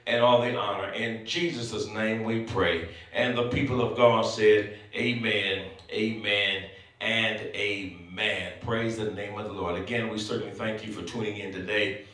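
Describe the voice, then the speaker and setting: Male bishop at a pulpit microphone, crisp bright tone, heavy church echo, sermon cadence full of amens. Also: on the low side, fairly even intonation, a little slow. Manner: punctuates phrases with frequent amens. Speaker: bishop preaching. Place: church sanctuary. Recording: echoey church sanctuary, mic at a distance.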